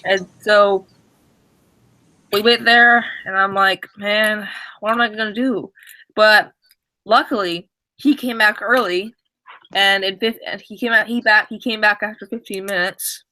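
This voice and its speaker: A man co-hosting a stream, telling a casual story with many restarts and fillers, and acting out the dialogue with excitement. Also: high-pitched, a little slow, poor audio. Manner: acts out quoted dialogue excitedly. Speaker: stream co-host.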